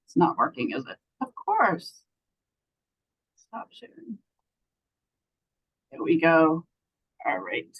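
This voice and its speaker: A woman's voice: deep voice, wildly swooping pitch, takes it slowly, pauses often, husky, dull audio. A woman presenting a state program on a video call, conversational and enthusiastic with many fillers.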